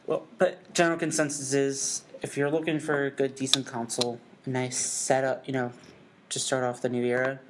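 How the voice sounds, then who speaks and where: A man's voice: medium pitch, level tone, normal speed, background noise. A man co-hosting a casual gaming chat show, rambling with many fillers and restarts. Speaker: podcast co-host.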